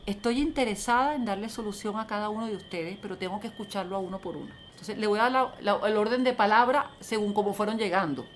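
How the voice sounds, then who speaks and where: An older woman with a Venezuelan accent, telling stories as a guest in an interview, lively and acting out the voices of others. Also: mid-range voice, fast, hardly any pauses, a little hiss or hum. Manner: lively, acts out quoted voices, talks to the host by name. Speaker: interview guest, film producer. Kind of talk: animated storytelling interview.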